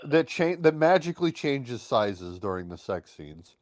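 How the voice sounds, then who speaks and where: A man co-hosting a podcast in casual chat, animated and crude, often swearing and slipping into mocking voices. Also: fairly low pitch, measured pace, no echo, studio quality. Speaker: podcast co-host.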